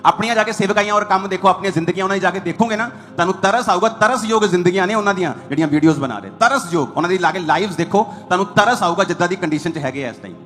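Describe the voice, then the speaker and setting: Soft music sits under this sermon from a male pastor. He talks quickly, his voice fairly high, and presses every point home in brief, repeated bursts.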